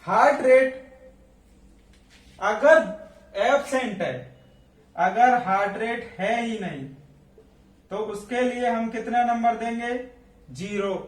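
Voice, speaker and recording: A man teaching a nursing class as a lecture, asking questions and then answering them himself. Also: high-pitched. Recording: echoey room, voice from a distance.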